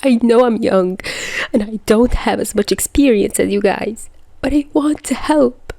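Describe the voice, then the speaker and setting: Woman playing a young superhero boy, higher pitched, breathy, insecure, earnest, mellow, fan fiction drama. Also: measured pace, dry recording. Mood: upset, pleading. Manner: pleading, earnest. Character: tearful, insecure fifteen-year-old superhero boy, eager and earnest.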